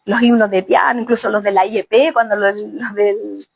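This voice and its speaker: A woman's voice: mid-range voice, fairly even intonation, normal speed, gravelly, husky, rough recording. A woman pastor preaching a sermon earnestly, speaking directly to the sisters of her congregation. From Chile.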